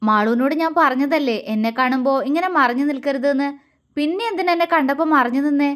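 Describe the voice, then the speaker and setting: A woman reading aloud voices a young man in a romance story, who speaks gravely and then tenderly to the woman he loves. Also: high-pitched, fast, a bit bright. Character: young man, stern but tender lover.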